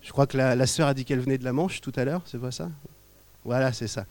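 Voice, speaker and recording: A man from Normandy preaching to his congregation, a pastor who tells stories in a loose, conversational way and often drops to quiet asides. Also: mid-range voice, quick pace. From Normandy, France. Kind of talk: sermon with storytelling. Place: church.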